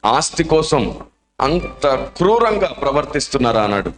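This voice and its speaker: A man's voice: mid-range voice, sing-song, moderate pace, faint music behind. A male preacher telling a story dramatically and emotionally during a sermon in a church. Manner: dramatic, emotional, acts out the voices. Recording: echoey church hall.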